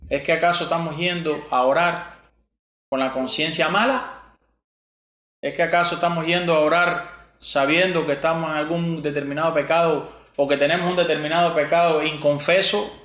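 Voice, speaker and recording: Male preacher, sermon style, pitched a bit high, recorded in an echoey room. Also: fairly bright tone. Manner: preaches with rhetorical questions, repeating verses.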